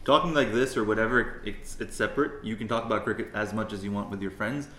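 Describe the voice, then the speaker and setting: A man's voice: fairly low pitch, steady tone, quick pace, bright, forceful tone, a little hiss or hum. A man in casual conversation, mixing two languages. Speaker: cricket commentator. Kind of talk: casual chat switching between Urdu and English. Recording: roomy echo, people chattering behind.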